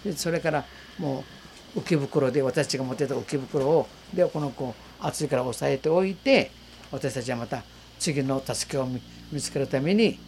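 An elderly woman in her eighties speaks with a soft regional lilt. She tells her survivor's story earnestly and vividly, re-enacting calls and voices along the way. A faint hiss sits under the recording. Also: very deep voice, normal speed. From Okinawa, Japan. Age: 80s. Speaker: war survivor giving testimony. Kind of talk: personal storytelling in an interview.

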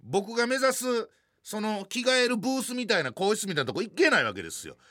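A man in his forties with a Kansai accent, telling a funny story in a lively, self-mocking way. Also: high voice, quick pace, no room sound, clean studio sound. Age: 40s. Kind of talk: comic storytelling chat.

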